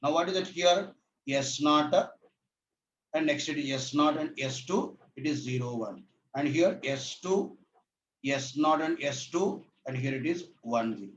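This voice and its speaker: Speaking a little slowly in a fairly high voice, a man with a sore throat runs an online class on state reduction. He's repetitive, asks if people can hear him, and uses "sir"; the laptop mic gives a distant, echoey, dull sound with a faint hiss or hum.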